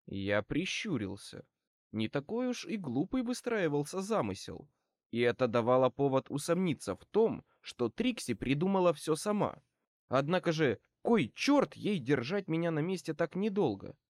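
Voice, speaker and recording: A man narrating an audiobook in the first person, reading in a measured, expressive way. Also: on the high side, no echo, studio quality. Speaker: audiobook reader.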